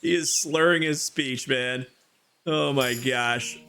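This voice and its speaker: A man's voice: medium pitch, slow pace, bright, forceful tone, clear, resonant tone, faint music behind. A man giving casual video game commentary as a playthrough host, chatty, thinking aloud and given to exclaiming.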